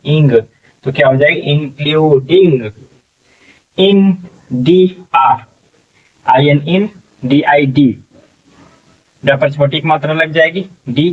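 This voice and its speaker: A male English teacher slowly sounding out words letter by letter in a spelling lesson, often checking in with the class. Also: a little high. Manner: slow, drawn-out syllable-by-syllable sounding out; frequent "theek hai" check-ins. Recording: distant, dull lo-fi recording.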